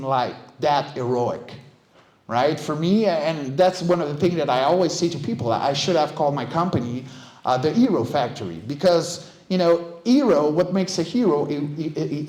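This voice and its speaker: Heard in a roomy, echoey live recording, a middle-aged guest speaker who works as a vocal stunt performer and director talks casually at a conference. His fairly high, slightly mellow voice is animated at a normal pace, emphatic and chatty, and he frequently checks with the audience.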